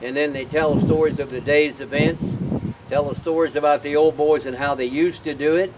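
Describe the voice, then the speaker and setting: A man's voice: fairly high pitch, steady tone, moderate pace. A man with a folksy, rambling way of telling things, speaking informally like a storyteller. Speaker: cowboy storyteller and event organizer. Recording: distant mic, outdoor wind and traffic noise.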